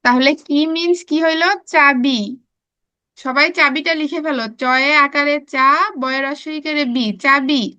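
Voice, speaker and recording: A woman with a Bangladeshi Bengali accent teaching a preschool class, spelling words out slowly and coaxing the children to repeat after her. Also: high-pitched, fairly even intonation, sharp tone. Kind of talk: classroom lesson, spelling aloud.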